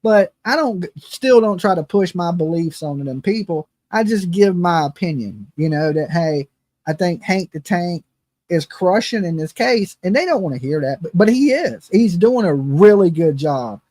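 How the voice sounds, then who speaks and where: With a high-pitched, animated, and mellow voice at normal speed, a true crime channel host in his fifties talks casually during a livestream. The recording has no room sound. His style is rambling and blunt, he pokes fun at himself, and he peppers his speech with "right?" and "okay?".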